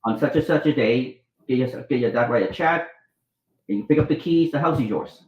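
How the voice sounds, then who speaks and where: Lively in intonation and brisk in pace, a mid-range-voiced middle-aged Vietnamese man tells rambling anecdotes as the guest of a storytelling interview; he is a doctor and author. He restarts often and plays out quoted dialogue, with a roomy echo and muffled sound.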